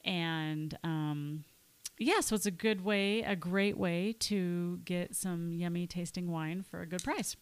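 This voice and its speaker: A woman's voice: on the low side, steady tone, takes it slowly, clear, resonant tone. A woman co-hosting a podcast in casual chat, chatty and laughing often. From Pacific Northwest of the US. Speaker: podcast co-host.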